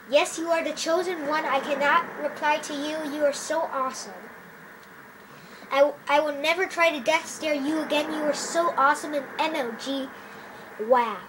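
Woman, high and unhurried, goofy roleplay narrator switching voices; hiss and noise behind. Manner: goofy, jumps between playful character voices. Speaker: roleplay narrator voicing game characters. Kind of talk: homemade game roleplay. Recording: noisy home recording.

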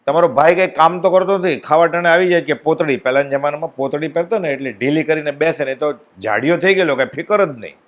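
A man's voice: fast talker, few pauses. A man giving a devotional discourse at a spiritual gathering, telling stories and acting out the dialogue with sudden rises and drops in his voice. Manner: animated storytelling, acts out dialogue with swings in pitch and loudness. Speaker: spiritual speaker at a satsang.

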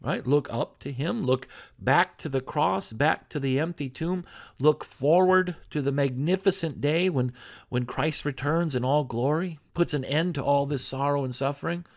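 A man's voice: on the high side, moderate pace. A man pastor giving a sermon in a conversational preaching style, full of rhetorical questions.

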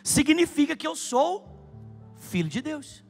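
High-voiced man preaching with fervor. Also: unhurried, gravelly, faint music behind. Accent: Brazilian Portuguese. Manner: animated, preaching with wide swings from soft asides to shouting. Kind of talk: sermon. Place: large church stage with audience. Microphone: handheld mic.

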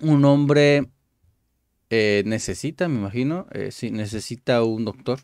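A man's voice: medium pitch, measured pace, a little mellow, smooth, no echo. Young male host, casual, lots of fillers, dry close mic. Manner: chatty, thinks aloud with many fillers. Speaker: channel host playing a language app. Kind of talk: casual commentary with translation.

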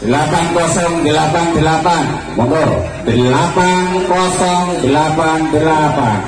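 A man with a Javanese Indonesian accent hosting and announcing prizes live on stage in a booming delivery. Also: measured pace, far from the mic. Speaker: event host announcing doorprize winners. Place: outdoor tented stage before big crowd. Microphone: event microphone through PA speakers. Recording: echoey outdoor PA, loud music behind.

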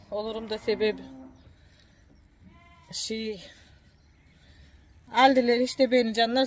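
A woman's voice: medium pitch, dry recording. A tired woman, chatting casually to her viewers as a vlogger and often calling them dear ones.

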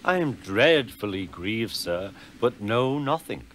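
Cast: sly oily diesel engine, voiced by a male narrator, slow, falsely humble. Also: on the low side, big pitch swings, a little hiss or hum. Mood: falsely grieved.

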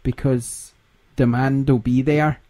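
A man's voice: mid-range voice, flat delivery, slow pace, warm tone. A Scottish man hosting a gaming podcast in casual chat, laughing often and rambling. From Scotland. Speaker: podcast host.

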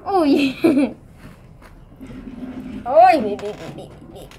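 A woman vlogging at home with her pet rabbit, giggly, excitable and chatting with her viewers. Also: sits high, very slow, slight background noise. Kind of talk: casual home vlog.

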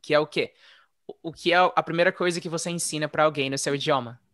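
A man telling his story in a relaxed, chatty way, as a guest in a casual interview. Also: a little high, fast talker, no echo, clean studio sound. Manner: relaxed, chatty, frequent "né?" tags. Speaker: interview guest, former English teacher living abroad.

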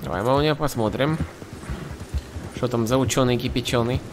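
A man's voice: mid-range voice, normal speed, noisy background. A man giving casual let's-play commentary, talking to himself in colloquial speech with mild grumbling. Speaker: gaming video host. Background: game ambience with horse hooves.

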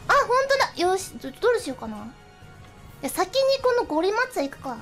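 A woman streaming a fighting game, chatting casually, often laughing and yelping excitedly as she plays, with game music behind her. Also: very high-pitched, fast talker. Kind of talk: casual game livestream chat.

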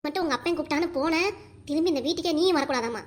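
Woman voicing a scheming cartoon wife, southern Tamil Nadu accent, high voice, rapid, taunting. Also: natural voice. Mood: angry. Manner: scornful, taunting and bossy. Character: scheming bossy young wife. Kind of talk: cartoon comedy sketch acting.

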